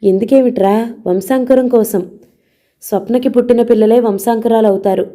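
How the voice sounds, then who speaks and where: A woman's voice: a little high, fairly even intonation, normal speed, dark tone, close to an everyday voice. A woman voicing a young husband who firmly defends his marriage against his family in an audio novel. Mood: defiant. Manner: firm, defiant.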